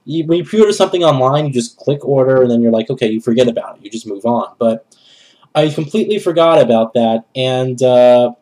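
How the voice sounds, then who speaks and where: In a rough recording, a young man speaks a little fast with a warm tone and medium pitch, nasal and congested from a cold. He's a gaming vlogger in a small bedroom, casually rambling through a channel update to camera.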